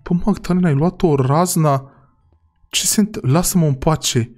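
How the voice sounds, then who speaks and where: Excitable male gaming host, high-pitched voice, talks straight to viewers. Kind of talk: role-play game commentary to viewers.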